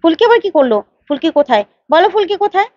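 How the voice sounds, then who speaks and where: A woman's voice: very high-pitched, sing-song, racing, darkish tone, dry recording, highs cut off, pitched above the performer's own voice. A woman voicing a hot-tempered elder sister who scolds sharply. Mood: angry.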